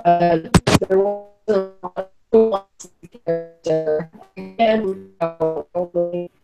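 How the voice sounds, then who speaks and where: A woman hosting a podcast who reviews a TV show in casual, halting chat full of restarts. She talks into a headset mic on an online call, and her audio is glitchy and keeps cutting out. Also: fairly low pitch, gravelly, dull audio, loud music behind the voice. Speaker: podcast host. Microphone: headphone mic over an online call.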